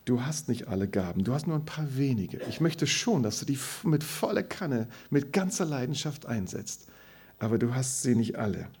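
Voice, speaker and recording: A man's voice: medium pitch, lively intonation, moderate pace, a little mellow, husky. A man who is a pastor, preaching a sermon and telling stories about himself with self-mocking humor.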